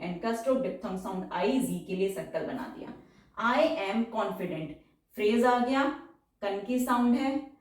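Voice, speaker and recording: A woman teaching a shorthand lesson, explaining each stroke step by step and repeating each word slowly to dictate it. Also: mid-range voice, darkish tone. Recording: distant, very echoey room.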